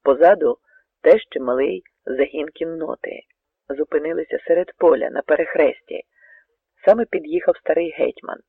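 A man narrating a dramatic story, swinging between hushed passages and emphatic lines. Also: fairly high pitch, normal speed, creaky, slightly rough, no room sound. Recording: narrow tinny radio recording, dry.

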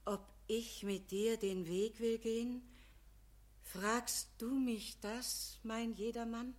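A weak sickly good-deeds woman, bavarian, slow and soft, pleading, radio play. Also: on the high side, steady tone. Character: frail sick woman, embodied good deeds, gentle. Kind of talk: broadcast radio play acting.

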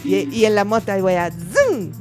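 A woman's voice: mid-range voice, moderate pace, faint music behind. A woman, a guest in an interview, telling a casual anecdote and acting out the voices of the people in it. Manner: animated, acts out the voices of people in her story.

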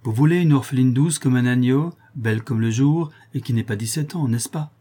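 A man's voice: medium pitch, a little fast, dark tone, husky, close to an everyday voice. A man reading aloud and voicing a greedy, scheming old woman who talks in coarse, wheedling slang.

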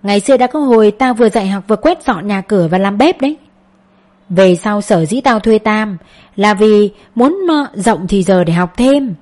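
A woman reading an audiobook, voicing a kindly older male schoolteacher who lectures calmly like a father. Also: mid-range voice, moderate pace, natural voice. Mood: advising.

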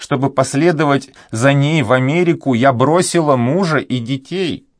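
A man voicing an elderly devout Spanish duenna who pleads and sighs, raising his voice high for her. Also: moderate pace, no echo, clean studio sound, close to an everyday voice. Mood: earnest pleading. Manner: sighing, pleading, high raised voice. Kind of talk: audiobook character reading.

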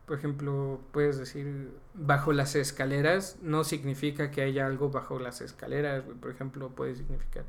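A man's voice: mid-range voice, level tone, moderate pace, creaky, hardly any pauses. A young Mexican man on a casual podcast, explaining at length and tagging nearly every phrase with a slang filler. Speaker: podcast co-host. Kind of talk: casual chat.

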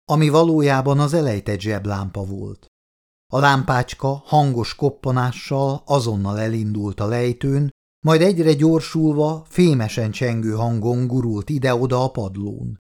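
A man reading an audiobook in a steady, dramatic storytelling manner. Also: medium pitch. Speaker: audiobook narrator. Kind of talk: scripted audiobook narration.

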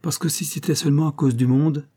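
A man's voice: fairly high pitch, steady tone, brisk, dark tone, pitched above the performer's own voice, lightly acted. A man reading an audiobook, voicing a proud, cold young wife in a slightly raised voice. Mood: aloof. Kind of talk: audiobook character voice.

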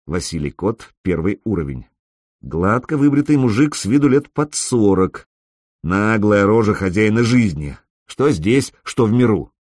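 Husky male audiobook narrator, lively delivery. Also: a little slow, no room sound, studio quality. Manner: lively, raises pitch and volume for character lines. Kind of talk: scripted narration with acted dialogue.

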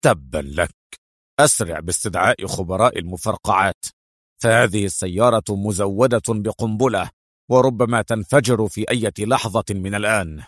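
A man's voice: normal speed, dry recording, studio quality, close to an everyday voice. A man voicing a cool, stern male secret agent in an audiobook, speaking firmly and with control. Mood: angry. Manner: firm, low and controlled. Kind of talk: audiobook character voice.

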